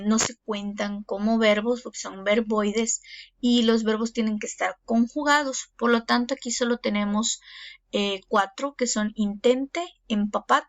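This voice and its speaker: A woman teacher, patiently explaining exam answers with frequent fillers. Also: mid-range voice. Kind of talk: recorded exam review lesson. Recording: dull lo-fi recording, faint noise.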